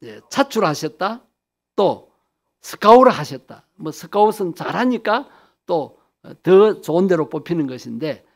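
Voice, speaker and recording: A man's voice: high voice, a little mellow. A man pastor preaching a sermon, asking the congregation questions and answering them himself, stretching key phrases for emphasis.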